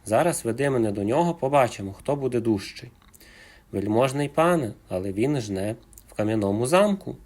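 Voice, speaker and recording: A man voicing a huge, furious, hungry male bear who roars out threats in a husky voice. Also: medium pitch, lively intonation, a little fast, close to an everyday voice. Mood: roaring angry. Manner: roaring, shouting threats.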